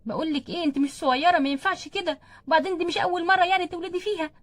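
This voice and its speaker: A woman with an Egyptian Arabic accent voicing a brisk female doctor who scolds and gives orders. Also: very high-pitched, steady tone. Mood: stern. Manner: firm and scolding.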